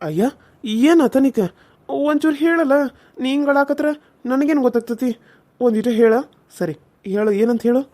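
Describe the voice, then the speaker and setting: A woman's voice: high voice, moderate pace, long pauses, mellow, lightly acted. A woman voicing an earnest young village husband in a cartoon serial, apologizing. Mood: concerned. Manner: pleading, apologetic.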